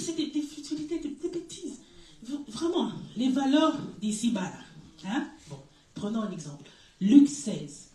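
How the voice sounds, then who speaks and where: A woman preacher giving a conversational sermon, asking her listeners questions and breaking into brief laughs. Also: fairly high pitch. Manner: lively, asks the congregation questions, brief laughs. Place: church hall. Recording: echoey room, voice far from mic.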